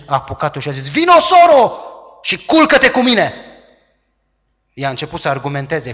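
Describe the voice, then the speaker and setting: A man preaching a sermon, who acts out quoted voices loudly and dramatically. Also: medium pitch. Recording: long hall reverb.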